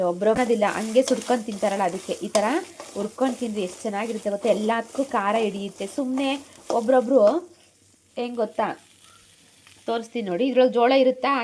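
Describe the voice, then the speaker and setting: A woman's voice: mid-range voice, a little mellow, slight background noise. Chatty mother on a home cooking vlog. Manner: chatty, explains homely cooking steps to viewers. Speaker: vlogger, mother. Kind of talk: casual cooking vlog chat. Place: home kitchen.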